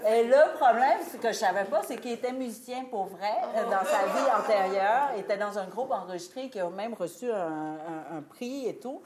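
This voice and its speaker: A woman telling a lively anecdote to an audience, laughing often and acting out what people said. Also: mid-range voice, normal speed, few pauses, a loud crowd. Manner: animated storytelling, laughing often, acts out quoted lines. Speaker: guest author telling a story. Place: live talk venue. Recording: roomy live venue, faint ambience.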